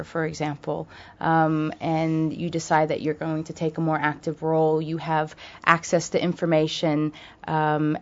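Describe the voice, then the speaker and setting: Heard on a muffled recording, an American woman with a low-pitched voice appears as a radio interview guest representing a charity. She comes across as thoughtful but uses many fillers and often restarts her sentences.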